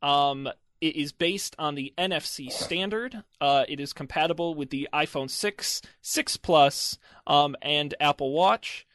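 A man's voice: fairly high pitch, unhurried, few pauses, a bit bright, no room sound, clean studio sound. A man hosting a casual tech podcast, chatty and wry, with lots of fillers. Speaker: podcast host.

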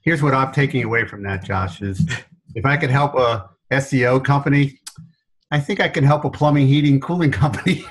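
A man's voice: mid-range voice, moderate pace, fairly bright tone. A middle-aged man from New York with a faded New York accent, telling stories as a podcast interview guest, laughing often and punching up his asides. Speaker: guest, business consultant.

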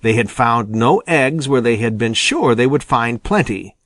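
A man reading a children's storybook aloud as narrator, in an expressive style. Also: mid-range voice, a little slow, dry recording. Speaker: audiobook reader.

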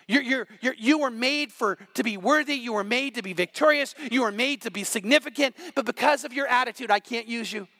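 A male pastor with a strikingly high voice preaches a morning sermon in a bright, forceful tone, hammering each point home through emphatic repetition. He speaks briskly with few pauses and plenty of energy, and the sound is dry and close with no room echo.

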